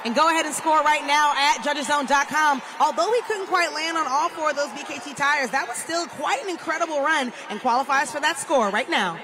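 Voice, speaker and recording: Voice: high voice, fairly quick, hardly any pauses, noisy background. An event announcer hyping up a stadium crowd with projected, rallying calls. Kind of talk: hype arena announcing. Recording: loud stadium ambience behind voice.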